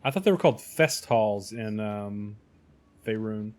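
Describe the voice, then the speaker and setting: Lowish-voiced man in casual game chat. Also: animated, measured pace, a little mellow. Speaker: co-op game player. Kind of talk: casual let's play, reading dialogue aloud.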